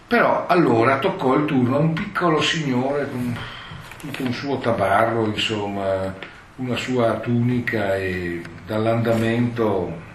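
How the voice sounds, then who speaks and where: A man's voice: medium pitch, fairly bright tone. A male lecturer reading a passage aloud and explaining it, with many digressive asides. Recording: roomy hall, distant mic, faint noise.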